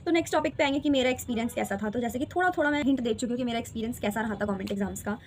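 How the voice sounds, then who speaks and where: High-pitched young woman, candid vlog. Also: rapid-fire, darkish tone, slight background noise. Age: 20s. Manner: earnest, reflective, mixes Hindi with English phrases. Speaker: vlogger sharing exam experience. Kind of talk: candid personal vlog talk.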